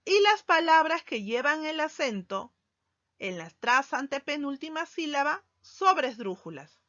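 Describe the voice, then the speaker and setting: A woman teacher giving a recorded grammar lesson, speaking slowly and deliberately and stressing key words. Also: sits high, sing-song, a bit bright, dry recording. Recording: dull lo-fi sound, dry.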